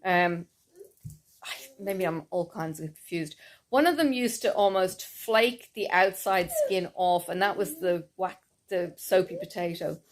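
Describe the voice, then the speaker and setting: A woman's voice: fairly low pitch, measured pace. Woman, casual chat, rambling, laughs often, easygoing. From Ireland. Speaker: cross-stitch vlogger.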